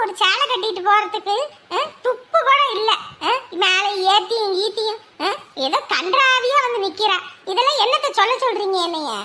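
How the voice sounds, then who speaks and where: A shrill, bright-voiced old mother-in-law from an animated family drama. She nags and scolds in a very high, cutting voice. Faint background noise sits under the track. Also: heavily acted. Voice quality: nagging, scolding, then pleading. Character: sharp-tongued old mother-in-law, later destitute.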